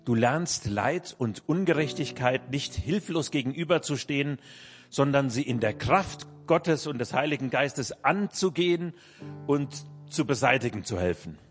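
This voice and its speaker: A man's voice: medium pitch, expressive, unhurried, big-room sound, faint music behind. A man preaching a sermon earnestly, lifting his voice on key phrases.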